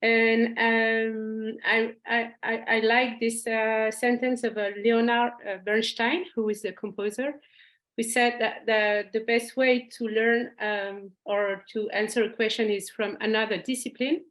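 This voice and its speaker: A woman speaks on a video call in a fairly high voice that stays flat. She talks slowly and hesitantly, with many pauses. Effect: heard over a video call. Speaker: citizen participant. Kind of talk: commenting in an online discussion.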